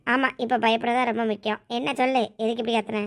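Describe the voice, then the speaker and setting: A young woman, acting in a village family sketch with sharp, scolding banter. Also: on the high side, level tone, quick pace.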